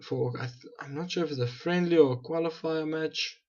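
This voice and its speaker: Here the gaming host sounds fairly high-pitched and brisk, a little mellow, with the highs cut off. The young South African talks casually through his football management game, thinking aloud and frequently backtracking to correct himself.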